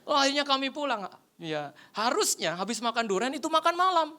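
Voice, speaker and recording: A man's voice: very high voice, a little fast. A male pastor preaching a humorous sermon, telling a story and acting out the voices in it. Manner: animated, acts out the voices in his anecdotes. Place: church.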